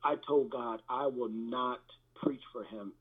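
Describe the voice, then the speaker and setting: A man at a medium pitch with a husky voice talks as a guest pastor, giving a candid testimony. His manner is hesitant and reflective with repeated words, and the audio is thin, band-limited, and sounds like a phone.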